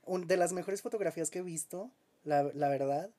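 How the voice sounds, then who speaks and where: A man's voice: high-pitched, brisk, dark tone. Enthusiastic Mexican man chatting. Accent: Mexican Spanish. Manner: enthusiastic, full of fillers and laughter. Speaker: podcast co-host. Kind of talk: casual chat.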